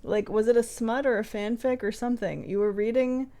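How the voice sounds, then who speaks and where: A woman's voice: a little high, fairly even intonation, fairly quick, warm tone. Chatty woman co-hosting a casual podcast. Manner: chatty, laughs often, trails off mid-sentence. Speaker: podcast co-host. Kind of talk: casual chat.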